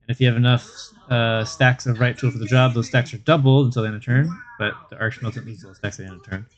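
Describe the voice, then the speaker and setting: A man's voice: medium pitch, fairly even intonation, fast, dull audio. Casual male game streamer thinking aloud. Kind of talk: casual live stream chat and gameplay commentary. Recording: music behind the voice. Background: game music.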